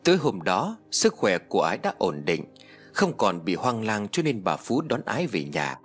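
A man narrating a dramatic story, voicing each character with shifting pitch. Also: wildly swooping pitch, moderate pace, husky, faint music behind. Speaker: audiobook narrator.

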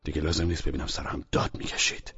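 A man voicing a stern, weary middle-aged father, gruff and commanding. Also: extremely low pitch, little pitch movement, sharp tone, muffled recording, faint music behind, pitched below the performer's own voice, heavily acted.

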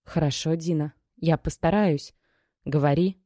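A woman voices a guilty young woman in an audiobook, low-pitched and quiet, speaking in soft, apologetic tones. The sound is close and dry, with no room around it. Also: steady tone, measured pace, dry recording. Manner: quiet and conciliatory. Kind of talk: audiobook character voice.

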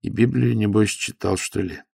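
A sly, eccentric old-school stoker monk with a dry, gravelly edge, as a male storyteller puts him on. He feigns innocence, pitching up into squeaky, wry exclamations. The storybook reading is dry and close. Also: steady tone, normal speed, a little mellow, no room sound, full character voice.

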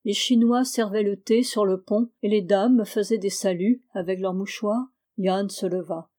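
Mellow-voiced woman reading a novel. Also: medium pitch, fairly even intonation, moderate pace. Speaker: audiobook reader. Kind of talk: literary audiobook narration.

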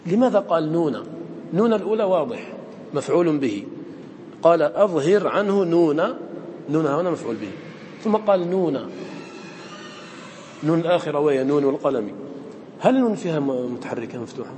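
A male teacher giving a classroom lesson, quizzing his students and slowly drawing out the lines he quotes. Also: a little high, very animated, mellow, long reverb tail, slight background noise.

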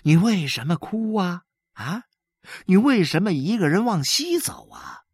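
Nosy neighbors nagging, man reading them, husky, voice going up and down a lot. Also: high-pitched, huge pitch swings, a little slow, no echo, studio quality, pitched above the performer's own voice, full character voice. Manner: nagging, gossipy. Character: gossipy nagging townspeople.

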